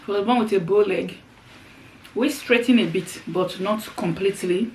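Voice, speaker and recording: A woman's voice: medium pitch, moderate pace, a little mellow, a little hiss or hum, poor audio. A middle-aged woman chatting casually to her viewers during a meal, often repeating phrases as she explains. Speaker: mukbang vlogger. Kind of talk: casual chat to viewers while eating. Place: indoors, seated on the floor.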